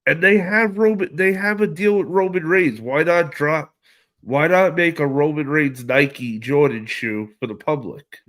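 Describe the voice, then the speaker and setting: A man hosts a casual live stream, reading out viewer comments and answering each one in loose, slangy talk. He speaks at an unhurried, drawn-out pace. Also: fairly high pitch, a bit bright. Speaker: livestream host reading chat.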